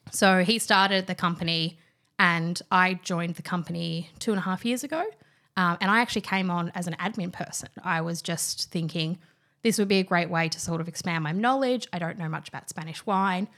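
Chatting casually as a guest, a young wine trainer talks about her job in a slightly bright, lowish voice at normal speed. Her speech is full of fillers and restarts.

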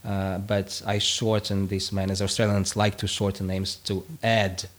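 This man, a native Russian speaker appearing as a guest philosopher, talks low and flat at a measured pace. He explains his ideas with plenty of fillers and restarts, then reads one of his own passages aloud.

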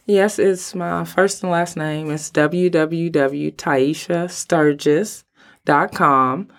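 A woman with a hoarse voice, sick lately, talking casually and emphatically as an interview guest about her own work. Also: sits low, fairly even intonation, slow pace. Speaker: podcast guest, writer.

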